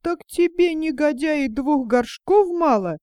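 A woman's voice: high-pitched, lively intonation, a little slow, dark tone, dry recording, clean studio sound, pitched above the performer's own voice. A woman voicing a lazy, foolish young peasant man in a fairy tale, grumbling and blustering.

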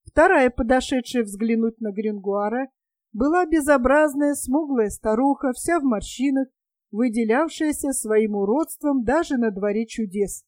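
A woman reading a classic novel aloud in a measured, expressive audiobook narration. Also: high-pitched, no echo. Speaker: audiobook reader.

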